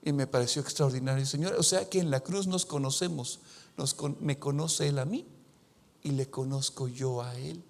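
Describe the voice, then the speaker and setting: A man preaching a sermon in a church, slowing his words for emphasis and swinging between loud and soft delivery. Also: mid-range voice, creaky. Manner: preaching with dramatic shifts in loudness; slows down for emphasis. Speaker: pastor.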